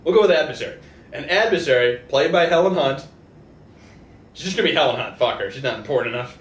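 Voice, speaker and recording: A man's voice: on the high side, lively intonation, fast talker. A man co-hosting a comedy show, improvising sketches and banter in a rambling, profane, joking way. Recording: roomy echo with faint background noise.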